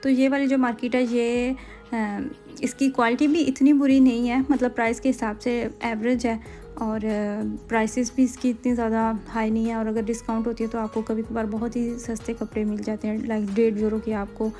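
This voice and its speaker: A chatty woman in her thirties with a Pakistani Urdu accent talks over her vlog footage, rambling along with frequent hesitations. Her voice sits a little high but sounds mellow and dark. Soft music plays faintly underneath. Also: little pitch movement, moderate pace. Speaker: vlogger. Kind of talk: casual vlog voice-over narration.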